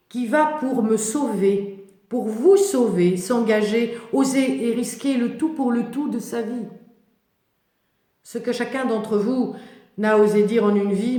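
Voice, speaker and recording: Biblical monologue: devoted, defiant outcast woman acted by a woman, fairly high voice, solemn emphatic declamation, unhurried. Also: dark tone, natural voice. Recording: echoey, reverberant room.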